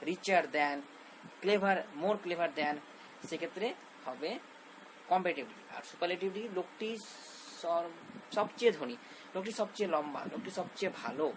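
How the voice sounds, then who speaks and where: A male teacher giving a grammar lesson, repeating key terms and walking through examples step by step. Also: high-pitched. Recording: noisy background hiss.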